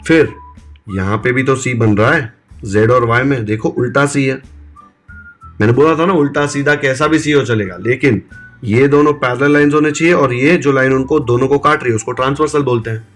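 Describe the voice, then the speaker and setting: A man's voice: medium pitch, fairly quick, a bit bright, soft background music. Man teaching math step by step. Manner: explains step by step, asks and answers his own questions; mixes Hindi with English terms. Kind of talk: classroom-style video lecture.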